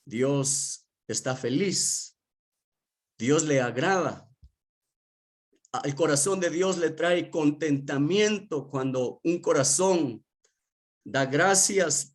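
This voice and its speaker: A male pastor giving an emotional testimony in a sermon, speaking slowly and earnestly to the congregation. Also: fairly high pitch. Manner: slow, earnest, emotional preaching.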